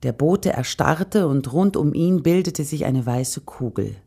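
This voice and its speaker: Low-voiced woman reading a story. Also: lively intonation, a little slow, dark tone, breathy edge. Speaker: narrator. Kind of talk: scripted narration.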